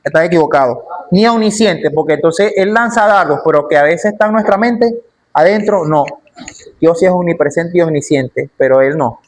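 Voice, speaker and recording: High-voiced man teaching a Bible class. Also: moderate pace. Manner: emphatic, repeats key phrases.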